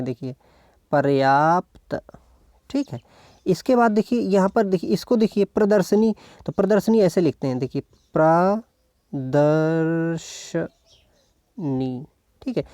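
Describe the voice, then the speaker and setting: An exam-prep tutor gives an online lesson, patiently working through each practice question by posing questions and then answering them, checking in often with "ok." The voice is medium-pitched and mellow, with lively intonation and a slightly fast pace, recorded as clean studio sound without echo.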